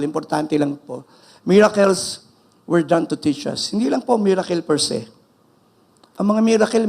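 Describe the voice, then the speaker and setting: Man, Filipino accent, pastor, sermon, high-pitched, gravelly, emphatic. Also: darkish tone. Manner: switches between English and Filipino, emphatic and preacherly.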